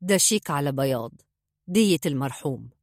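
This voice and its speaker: A woman voicing a blunt, gruff gang boss in a lower voice. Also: animated, a little fast, a little mellow, dry recording, clean studio sound.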